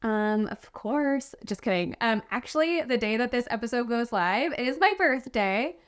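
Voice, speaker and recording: A woman's voice: on the high side, animated, moderate pace, clean tone. A woman in her thirties co-hosting a podcast, chatting casually with many fillers and easy laughs. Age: 30s. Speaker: podcast co-host.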